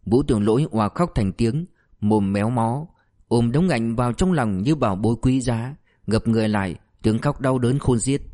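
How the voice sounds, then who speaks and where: A man reads a novel aloud as an audiobook narrator. His delivery stays steady and even, at a middle pitch. The reading is plain and scripted. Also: moderate pace.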